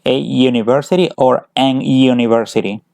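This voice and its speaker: Slow, gravelly teacher. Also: male voice, medium pitch, steady tone, a little mellow, no echo. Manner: switches between English and Spanish, explaining patiently. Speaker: English teacher. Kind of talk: bilingual grammar lesson.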